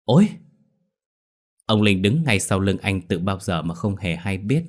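A man narrating a ghost story in a very low, deep voice. He tells it in a steady, even manner, like a spoken audiobook. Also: moderate pace.

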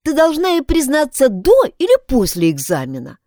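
A woman's voice: sits high, huge pitch swings, normal speed, dark tone, no echo, clean studio sound, pitched above the performer's own voice. A woman reading aloud, voicing an honest, earnest schoolgirl who urges her twin to do the right thing, in a storybook reading. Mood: urging. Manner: reproachful, urging.

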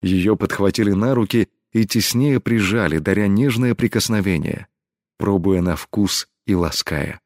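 A male audiobook narrator reading a romance story in a calm, measured voice. His register sits fairly low, and the dry recording is close to the microphone. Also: no room sound. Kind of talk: scripted narration.

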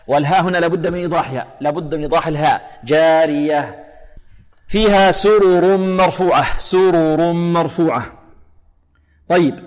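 A man teaching Quran recitation rules, explaining and then slowly demonstrating letters and verses. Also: fairly high pitch, a little mellow. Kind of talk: tajweed lesson with recited examples. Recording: long hall reverb.

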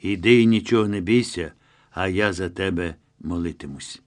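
Audiobook figure: devoted, anxious young woman begging on the phone, read by a male narrator in a lowish voice. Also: normal speed, lightly acted. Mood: tender. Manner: pleading, emotional.

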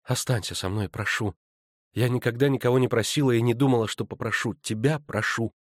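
A man's voice: expressive, normal speed, no echo, clean studio sound, natural voice. A man voicing a proud, spurned sorceress woman who speaks with biting sarcasm in an audiobook. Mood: pleading. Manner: biting sarcasm, rising pitch. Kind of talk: audiobook character voice.

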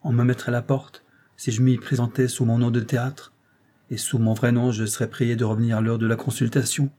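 A man's voice: mid-range voice, level tone, brisk, dark tone, close to an everyday voice. A man voicing a proud, feverish young actress who talks in a curt, imperious, pressing way. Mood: curt, irritated.

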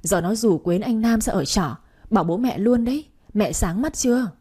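A woman voicing a shrill, spiteful young sister-in-law in a story reading. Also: lively intonation, normal speed, dark tone, slightly rough.

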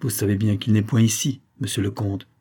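A man's voice: fairly low pitch, steady tone, a little fast, dark tone, breathy edge. A man doing a grieving, desperate young countess. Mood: bitter, pleading. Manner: trembling, bitter pleading.

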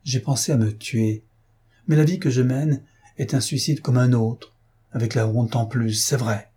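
A man's voice: mid-range voice, fairly even intonation, unhurried, dark tone, slightly rough. A man voicing an anguished, jealous young nobleman who speaks in bitter, passionate outbursts.

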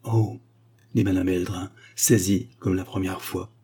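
Low, husky male audiobook narrator. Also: monotone, moderate pace, mellow. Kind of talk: scripted literary narration.

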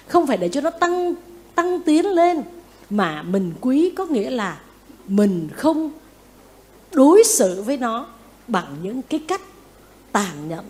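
Buddhist nun giving a dharma talk, a bit high voice, lively, keeps quizzing the listeners. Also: female voice, slow, pauses often. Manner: lively, asks the audience questions and answers them; repeats phrases for emphasis. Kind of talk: sermon.

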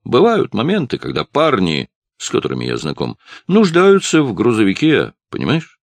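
A man's voice: mid-range voice, wildly swooping pitch, normal speed, no echo, pitched above the performer's own voice. A man voicing a casual, sly small-time crook who asks probing questions.

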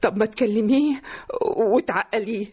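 A woman's voice: fairly high pitch, moderate pace, darkish tone, husky. Sobbing Egyptian mother. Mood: distraught. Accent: Egyptian Arabic. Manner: sobbing, wailing complaints. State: crying. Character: distraught middle-aged mother, sobbing over her husband. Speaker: distraught mother. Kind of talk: radio drama acting.

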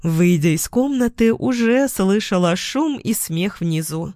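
Female audiobook narrator, first person, mid pitch, dry close sound, unhurried. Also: animated, warm tone, dry recording.

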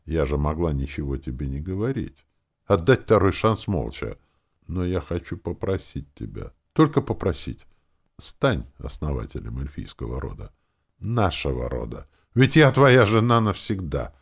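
Мужчина-чтец озвучивает призрачную молодую жену-эльфийку из аудиокниги, которая говорит то умоляюще, то строго. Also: male voice, extremely low pitch, sing-song, moderate pace, vocal fry, slightly rough, heavily acted. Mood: firm. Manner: pleading, then stern. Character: ghostly young elf wife, gentle but firm.

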